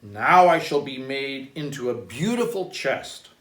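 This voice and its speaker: A man voicing hopeful, proud young trees in a storybook, declaring their dreams of greatness in a measured way. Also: mid-range voice, expressive, fairly bright tone. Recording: roomy echo, distant microphone.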